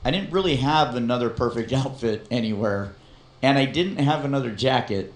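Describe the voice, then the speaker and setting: A man's voice: medium pitch, normal speed, roomy sound. A man co-hosting a casual chat, telling a joking anecdote in an easygoing way. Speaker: podcast co-host.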